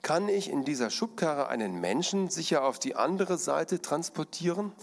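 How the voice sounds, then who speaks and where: A man's voice: a little high, lively intonation, moderate pace, gravelly, voice pushed up. A man voicing a confident male tightrope artist who calls out to a crowd in a raised, showman-like voice. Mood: challenging.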